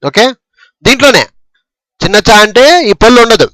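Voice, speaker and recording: A man's voice: sits high, expressive, a little fast, bright, forceful tone, no echo, rough recording. A man teaching a script lesson, reciting syllables one by one and checking in with his students. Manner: patient, repetitive drilling, frequent "okay?" checks.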